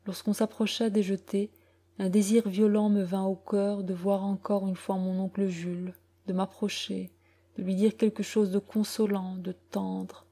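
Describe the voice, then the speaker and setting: A woman narrating a classic short story as an audiobook, in a measured, even storytelling manner. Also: mid-range voice, breathy edge. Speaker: audiobook reader.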